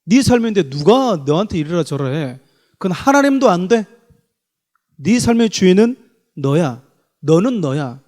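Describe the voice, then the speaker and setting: A man's voice: high voice, sing-song, moderate pace, a little mellow. A man voicing a smug devil who coaxes and needles people with rhetorical questions, in a sermon. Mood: coaxing. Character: tempting devil whispering to humans, smug and coaxing.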